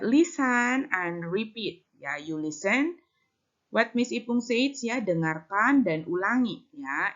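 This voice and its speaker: A woman with an Indonesian accent teaching English vocabulary, slowly repeating words for her pupils to copy. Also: mid-range voice, fairly bright tone. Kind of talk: bilingual classroom lesson. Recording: dull lo-fi recording.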